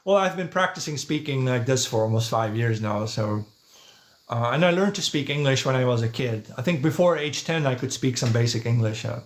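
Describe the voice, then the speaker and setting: With a mid-range voice and lively intonation, a Dutch man speaks a little fast on his livestream. Originally from the Netherlands, the podcast host and streamer works through chat comments conversationally, thinking aloud and checking with "right?" and "yeah."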